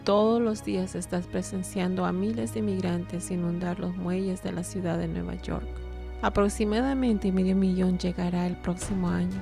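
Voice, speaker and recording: Woman reading a documentary video script, gravelly voice, talks right to you, music playing behind. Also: on the low side, fairly even intonation, moderate pace. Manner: addresses the listener directly as "you". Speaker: video narrator.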